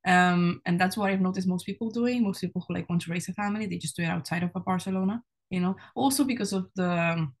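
A woman's voice: fairly low pitch, fast talker, hardly any pauses. A young woman from Spain, a university student, chatting casually as a podcast guest, with many "like" and "you know" fillers. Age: young adult.

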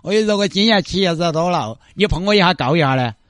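A man's voice: high voice, lively intonation, fast, a bit bright, dry recording, clean studio sound. A man voicing a stubborn old female beggar with a Sichuan accent, taunting and brash. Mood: defiant. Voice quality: brash, taunting dialect banter.

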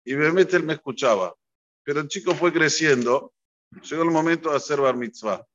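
A man's voice: fairly high pitch, lively intonation, a little fast, a bit bright. A man giving a religious talk as a rabbi, earnest and instructive, telling stories and repeating phrases for emphasis. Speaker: rabbi teaching a class. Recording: dull lo-fi recording.

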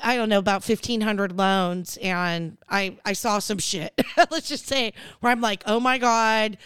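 A woman's voice: medium pitch, unhurried, a bit bright, smooth, dry recording. A woman hosting a casual reality-show recap podcast, chatting in a gossipy, rambling way. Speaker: podcast host.

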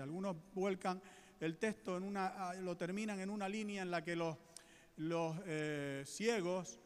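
High-voiced Spanish pastor preaching in a hall. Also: male voice. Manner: earnest preaching, slows right down for emphasis. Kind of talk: sermon.

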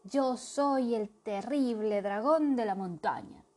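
A shrill storybook dragon stuck as a crow, whining and protesting, as a woman puts him on. His voice jumps high and loud when he is upset. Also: takes it slowly. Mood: indignant. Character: boastful male dragon turned crow, whiny.

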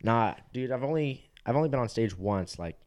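A man's voice: medium pitch, lively intonation, brisk, a little mellow. A man in his twenties, a comedian, chatting loosely, laughing often and swearing. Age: 20s. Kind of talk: casual chat.

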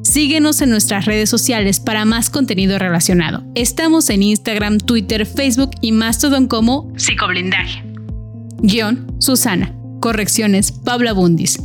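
A woman hosting a podcast, reading a scripted, reflective closing narration in a measured way. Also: a little high. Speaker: podcast host. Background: music.

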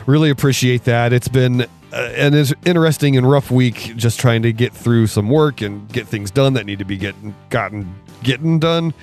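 A man hosting a board game podcast, hoarse and raspy from a cold, talking casually and with a lot of enthusiasm. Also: medium pitch, moderate pace, few pauses, darkish tone, faint music behind. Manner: enthusiastic, laughs often. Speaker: podcast host reviewing board games.

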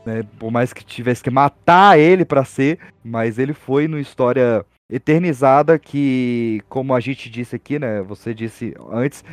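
A man's voice: medium pitch, measured pace, hardly any pauses, no room sound. A young man with a Brazilian accent, talking casually and animatedly as a podcast guest, with slangy informal phrasing. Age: young adult.

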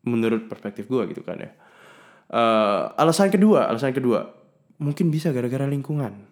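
A man's voice: mid-range voice, brisk. Young man, candid confessional storyteller, curses a lot, blends in English words. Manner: candid, slangy, cursing, mixing in English words; swings between loud bursts and mumbled asides. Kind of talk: casual personal story, talking to the listener.

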